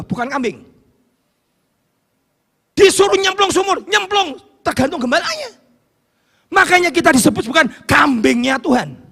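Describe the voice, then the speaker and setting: High, gravelly, fervent male preacher in a hall. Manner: fervent preaching, swings between loud shouts and hushed low asides. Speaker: pastor. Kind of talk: sermon. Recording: long hall reverb.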